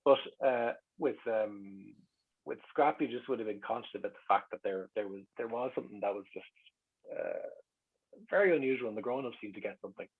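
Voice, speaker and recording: A husky, lowish male voice moves at a brisk clip as this middle-aged man from Ireland shares rambling, informal anecdotes in an interview. He comes across as wry and self-deprecating, and the sound is somewhat lo-fi.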